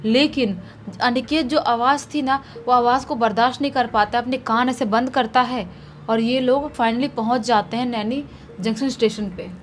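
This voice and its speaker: A woman retelling a spooky story in a conversational, animated way, as narrator of a horror story channel. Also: fairly high pitch, normal speed, slight background noise. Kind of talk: casual spoken horror storytelling.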